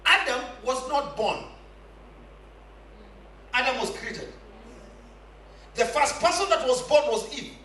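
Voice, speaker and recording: A high-voiced man preaches with bright, sharp tone and a swooping, animated delivery. He pushes the congregation for answers and often breaks into shouts. His voice sounds echoey and a little far from the mic. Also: slow pace, long pauses. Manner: emphatic call-and-response preaching, often shouting. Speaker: pastor. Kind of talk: sermon. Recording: echoey hall, voice away from the mic.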